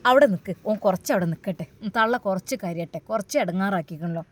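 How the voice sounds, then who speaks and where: A woman's voice: medium pitch, quick pace, pitched below the performer's own voice, natural voice. A woman doing a spiteful, scornful mother, Malabar accent. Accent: Malabar Malayalam. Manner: scornful and snapping. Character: cruel, spiteful middle-aged mother who scorns her mother-in-law.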